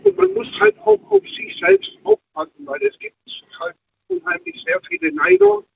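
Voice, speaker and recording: A man's voice: extremely high pitch, normal speed, vocal fry. A man calling in from the hands-free speakerphone in his truck cab, talking casually and hesitantly with many fillers over a dropping phone line. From Heidelberg area, Germany. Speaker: caller. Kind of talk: casual call-in chat. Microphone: hands-free car kit. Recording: tinny, dropping phone line with faint noise.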